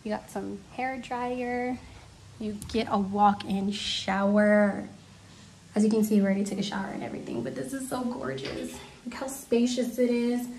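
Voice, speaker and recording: A young woman with a fairly high voice gushes her way through a casual room tour, recorded on a handheld phone. A steady layer of background noise sits under her voice as she moves from room to room and out onto an open terrace. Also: normal speed. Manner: gushing, enthusiastic. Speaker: travel vlogger. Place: villa rooms and outdoor terrace. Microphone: handheld phone camera.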